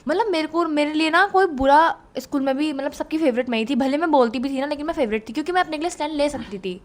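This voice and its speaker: A young woman from India, in her twenties, tells a story in a relaxed chat. She talks in a rapid rush, her voice high and bright, jumping into quick asides as she goes. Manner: very fast, animated talk with quick asides. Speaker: co-host telling a story.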